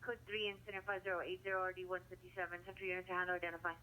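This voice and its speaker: Dispatcher on a police radio scanner: flat, bright, very fast, clipped reading of codes. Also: medium pitch, slight background noise, rough recording. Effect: police radio heard over a scanner.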